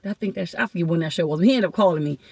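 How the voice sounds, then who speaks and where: A woman from Ohio, a guest comedian, telling rambling, excited stories in casual podcast chat. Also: lowish voice, racing, vocal fry, no echo. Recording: dull lo-fi dry sound.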